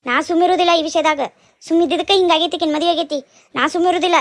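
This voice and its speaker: A woman voicing a furious, scolding middle-aged aunt in a cartoon, speaking with a North Karnataka Kannada accent in a shrill, threatening way. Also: steady tone, very fast, dry recording. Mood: angry scolding. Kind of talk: cartoon dubbing.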